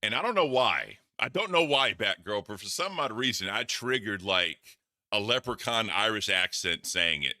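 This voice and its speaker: A man's voice: lowish voice, expressive, normal speed, dry recording, clean studio sound. A man with a Southern US accent chatting on a livestream, rambling, profane and groggy from the heat. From American South. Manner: rambling, profane, loud outbursts. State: groggy, overheated. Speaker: livestream co-host. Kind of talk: casual livestream chat.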